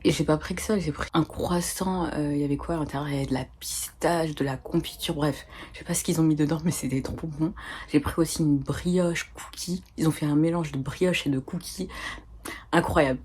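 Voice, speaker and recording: A woman's voice: deep voice, steady tone, brisk, darkish tone, a little hiss or hum. A woman with a French accent, telling a rambling, chatty story as a travel vlogger talking to her viewers. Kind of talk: casual chat to camera.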